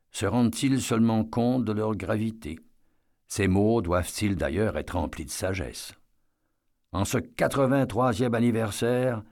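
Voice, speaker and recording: A man reading a novel aloud as an audiobook narrator, in a measured storytelling way. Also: low voice. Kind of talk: scripted narration.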